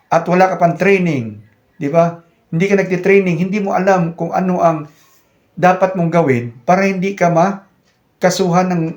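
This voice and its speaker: A man's voice: high voice, darkish tone. A Filipino man who runs a channel, explaining security guard rules to viewers in a casual, conversational way. He keeps talking to viewers as guys, and he acts out short scenes as he goes. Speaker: YouTube channel host, security guard trainer.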